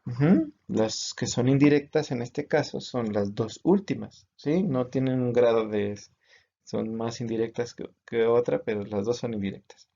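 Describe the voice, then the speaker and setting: A man teaching English grammar at a slow, unhurried pace, patiently explaining each example and switching between Spanish and English. The sound is somewhat dull and lo-fi. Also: medium pitch, warm tone.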